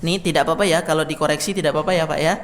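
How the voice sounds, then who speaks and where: A man's voice: on the high side, fairly even intonation, racing, big-room sound. A man teaching a Quran recitation class in a mosque, counting the group in and demonstrating how letters are read. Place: mosque hall. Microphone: microphone in a hall.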